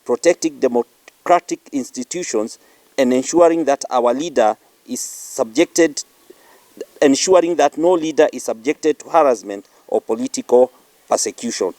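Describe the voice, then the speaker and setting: Male political representative, Kenyan accent, medium pitch, very little room sound, firm and formal statement delivery. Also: normal speed, dark tone, no room sound. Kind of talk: reading a formal press statement.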